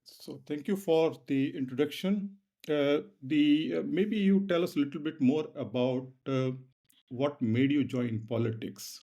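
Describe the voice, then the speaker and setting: A man hosts an interview, asking his questions in careful, hesitant phrasing. His voice is warm, a little high and a little slow, and the recording sounds dull and muffled.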